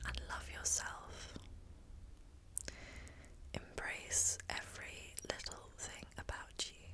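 A woman giving an ASMR pep talk of affirmations in a breathy whisper close to the microphone, soothing and encouraging, with pauses. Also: pushed and bright.

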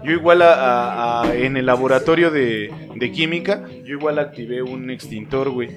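A man's voice: mid-range voice, normal speed. A young man with a Mexican accent telling school stories in slangy casual chat, acting out the quotes. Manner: slangy storytelling with voiced quotes. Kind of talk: casual chat among friends. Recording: music playing behind.

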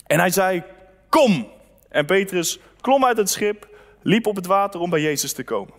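High-voiced man preaching in a reverberant hall. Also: lively intonation, moderate pace. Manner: conversational preaching with scripture reading. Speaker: pastor. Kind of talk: sermon.

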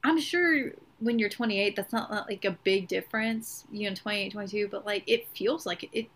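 A woman's voice: medium pitch, a little fast, a bit bright. A young woman chatting casually and informally as a podcast co-host, often using "like" as a filler. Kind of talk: casual chat.

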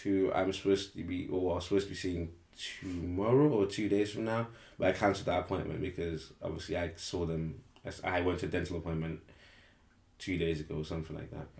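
A man's voice: low voice, vocal fry, darkish tone, reverberant. A young man, chatting casually as a podcast co-host, rambling and correcting himself, laughing easily. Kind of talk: casual chat.

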